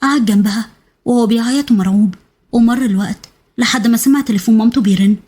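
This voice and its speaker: A woman with an Egyptian accent narrating a dramatic serial story in a breathless, rushing manner. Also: on the high side, darkish tone, a little hiss or hum. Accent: Egyptian Arabic.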